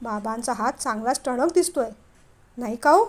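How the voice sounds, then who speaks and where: Brief: woman playing a nosy storybook wife, eager questions, high voice. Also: animated, normal speed. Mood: curious. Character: curious chatty young wife.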